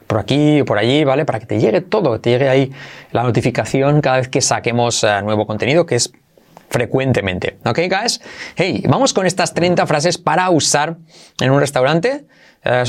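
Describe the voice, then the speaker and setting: An upbeat, encouraging man with a medium-pitched voice teaches an online language lesson, drilling English phrases. He's an English teacher who also hosts the channel, and he switches between English and Spanish, repeating phrases slowly so learners can practice.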